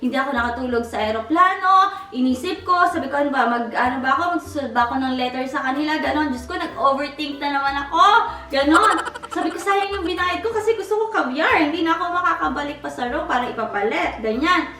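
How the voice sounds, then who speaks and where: Chatty, excitable woman vlogger. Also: sits high, fast, distant mic. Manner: chatty, excitable, mixes English into her talk. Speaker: vlogger unboxing a handbag. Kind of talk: casual chat to camera. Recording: roomy, a bit off-mic, soft music behind.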